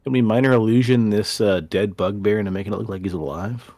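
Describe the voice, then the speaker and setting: A man's voice: lowish voice, quick pace, dark tone, dry recording. A man bantering casually as a player in a tabletop game.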